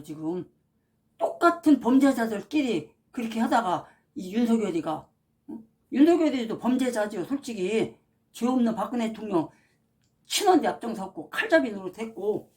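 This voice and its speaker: A woman's voice: fairly high pitch, darkish tone. Heated, emphatic woman Bible teacher. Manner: acts out angry quoted voices. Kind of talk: impassioned Bible study preaching.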